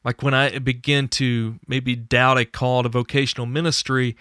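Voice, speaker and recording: A man's voice: medium pitch, little pitch movement, moderate pace, fairly bright tone, clean tone, dry recording, clean studio sound. A man who hosts a faith podcast and was once a pastor, speaking in an earnest, conversational monologue with small restarts. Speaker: podcast host and former pastor.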